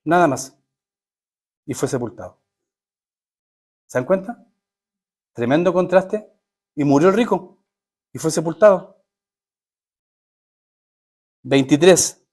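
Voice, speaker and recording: Male pastor, high voice, emphatic sermon delivery with rhetorical questions. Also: takes it slowly, long pauses, a little mellow.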